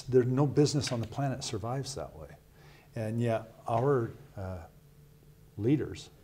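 A Wyoming man in his fifties, running for Senate, answers interview questions in a small TV studio while wearing a lapel mic. He speaks earnestly and in a measured, emphatic way, often tacking a rhetorical "right?" onto his points. His voice is medium-pitched and darkish with a breathy edge.

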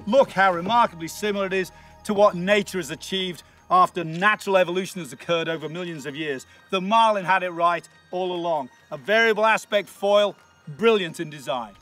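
A man's voice: sits high, brisk, pushed and bright, faint music behind. An older man presenting a nature documentary outdoors, explaining things to camera. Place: outdoors on grass by the sea.

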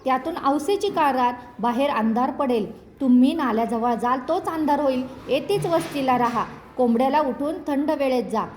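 A woman's voice: high-pitched, normal speed, few pauses, darkish tone, a little hiss or hum, lightly acted. A woman voicing a cautious old village woman who gives earnest, superstitious warnings.

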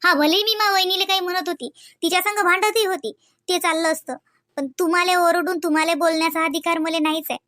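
A woman's voice: extremely high pitch, fairly even intonation, fast, bright, forceful tone, no echo, studio quality. A woman voicing a remorseful young daughter-in-law who pleads for forgiveness. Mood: apologetic. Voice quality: pleading, apologetic.

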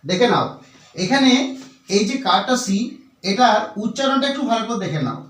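A man teaching English vocabulary in Bengali, speaking slowly and repeating words, spelling them out letter by letter. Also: extremely high pitch, big pitch swings, fairly bright tone, reverberant, far from the mic.

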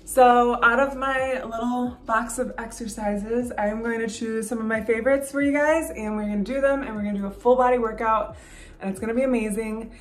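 A bubbly, chatty fitness vlogger in her twenties lays out her workout plan and coaches exercise technique in an upbeat vlog. Her voice is on the high side, steady, and fairly quick, filmed on a phone camera at arm's length at home, then in a car, then as voice-over on gym clips. The room echoes with slight background noise.

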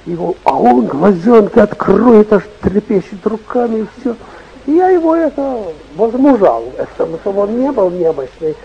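Raspy, animated older male preacher. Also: high-pitched, muffled recording. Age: 60s or older. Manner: emphatic, repetitive, acting out short anecdotes and dialogue. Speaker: bishop preaching. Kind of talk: animated, informal sermon. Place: stage of a hall, indoors. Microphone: microphone on a stand.

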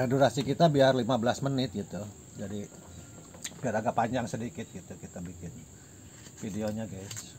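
A man with a Sundanese accent hosting a casual comedic chat outdoors after dark, chatty, laughing often and calling his viewers guys. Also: on the low side, normal speed, a little hiss or hum. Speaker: host.

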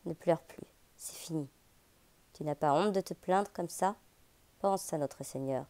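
A woman's voice: low-pitched, unhurried, mellow. A woman reading the lines of a stern, solemn man who gives commands in an audiobook. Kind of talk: audiobook character voice.

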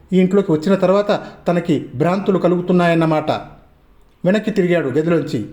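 A man reading a suspense novel aloud as narration, measured and questioning. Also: high voice, warm tone. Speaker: storyteller. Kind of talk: scripted narration. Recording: roomy echo.

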